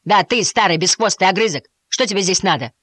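A woman's voice: medium pitch, a little fast, a bit bright, no echo, lightly acted. A woman doing a brash young bully mouse. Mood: aggressive. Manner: aggressive, blustering.

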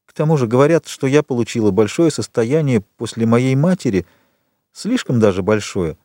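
A man's voice: mid-range voice, expressive, moderate pace, dark tone, no echo, studio quality, close to an everyday voice. A man reading an audiobook, voicing a young woman who earnestly implores her grandfather. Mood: imploring.

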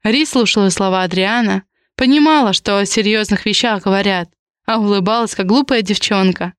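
A woman narrating a romance novel as an audiobook in an even, measured reading. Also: mid-range voice, clear, resonant tone, no room sound, clean studio sound.

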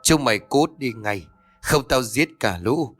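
A man's voice: mid-range voice, expressive, measured pace, a bit bright, big-room sound, soft background music. Man voicing a snarling vengeful female demon. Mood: furious. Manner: snarling, contemptuous.

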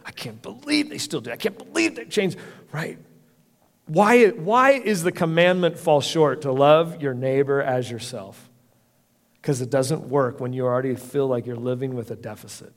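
A middle-aged man delivers a sermon in a plain, conversational way, earnest and prone to restarting his sentences. His voice sits at an ordinary middle pitch. A long reverb from the church hall trails after each phrase. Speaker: pastor.

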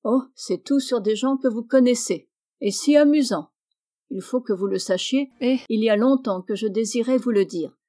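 A playful young man who coaxes and teases his friend, read by a woman. The voice sits fairly high with a mellow, warm tone. It is a storybook reading in French prose. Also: normal speed, natural voice. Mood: teasing. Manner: playful and coaxing.

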